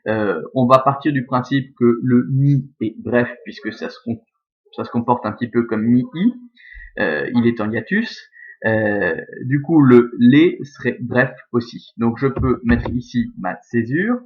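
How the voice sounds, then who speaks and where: A man's voice: medium pitch, lively intonation, unhurried, highs cut off. A man teaching a lesson, methodically walking through the scansion of a verse step by step. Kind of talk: scanning Latin verse in a recorded lesson.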